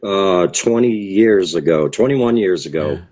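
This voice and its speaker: A man's voice: sits low, expressive, measured pace, darkish tone, muffled recording. A man from the area, a guest poet talking in a casual interview, rambling and hesitant with many fillers and restarts. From Boston area, USA.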